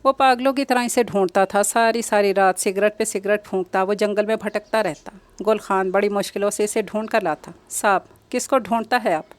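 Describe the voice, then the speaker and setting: A woman's voice: mid-range voice, fairly even intonation, few pauses, smooth. A woman reading an emotional novel aloud in scripted audiobook narration, with dramatic, emotive delivery.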